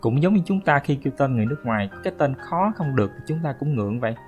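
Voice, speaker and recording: A man from Vietnam gives a casual spoken lesson on English pronunciation, speaking rapid-fire in an expressive, medium-pitched, somewhat mellow voice with faint music behind him. He's friendly, addresses viewers directly and explains through examples.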